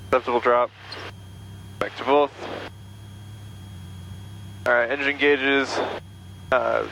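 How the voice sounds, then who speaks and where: A man's voice: mid-range voice, a little hiss or hum, low-quality recording. A young man, a student pilot, chatting casually and calling out checklist items over a headset in a small plane cockpit. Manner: relaxed, joking, swears casually. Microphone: aviation headset intercom.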